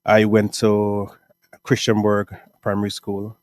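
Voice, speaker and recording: A middle-aged man with a Guyanese accent answers interview questions in a relaxed, meandering way, punctuating thoughts with "right?" and "um." His voice sits on the low side and sounds dry and close to the mic. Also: takes it slowly, no room sound. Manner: relaxed, rambling, frequent "right?" and "um". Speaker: music artist and producer.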